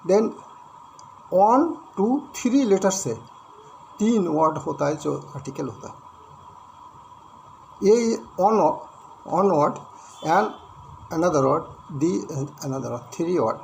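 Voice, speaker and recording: A man with an Indian accent teaching an English grammar lesson, explaining slowly, repeating words and mixing English terms into Hindi. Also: high-pitched, expressive, gravelly, darkish tone, slight background noise.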